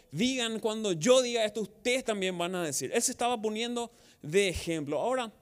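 A man with a Paraguayan Spanish accent preaching a sermon as pastor, asking the congregation rhetorical questions and acting out quotes. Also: high voice. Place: outdoor church service.

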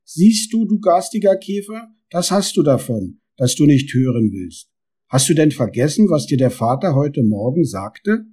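A man voicing a strict but soft-hearted mother beetle who scolds her son, in a storybook reading. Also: fairly high pitch, very animated, moderate pace, slightly rough. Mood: scolding.

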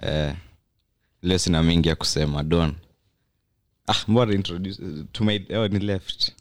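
A man's voice: low-pitched, fairly even intonation, normal speed. A young man with a Kenyan accent chatting casually as a podcast co-host. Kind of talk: casual chat.

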